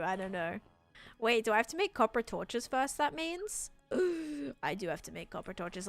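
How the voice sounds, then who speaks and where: A woman's voice: medium pitch, fairly bright tone. Chatty woman livestreaming, music behind her. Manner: rambling, thinks aloud, answers viewers. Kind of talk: casual gameplay stream chat.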